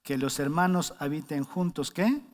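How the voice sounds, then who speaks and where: High-voiced pastor in a reverberant hall. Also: male voice, moderate pace. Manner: conversational, asks the congregation questions, acts out shouted warnings. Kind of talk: sermon.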